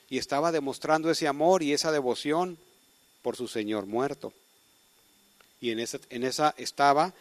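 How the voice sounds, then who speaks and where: Emphatic male preacher with crisp dry sound. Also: fairly high pitch, dry recording. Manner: emphatic, with sudden swings in loudness. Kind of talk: sermon.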